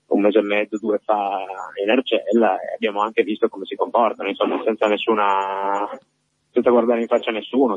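A man's voice: on the low side, no room sound. A man calling in a live field report over the phone, earnest and hesitant with many fillers. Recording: dull lo-fi phone line.

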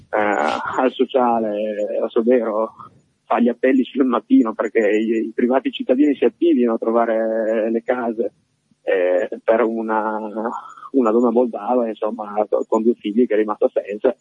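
A man's voice: mid-range voice, darkish tone, dry recording. A man calling in a live field report over the phone, earnest and hesitant with many fillers. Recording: dull lo-fi phone line.

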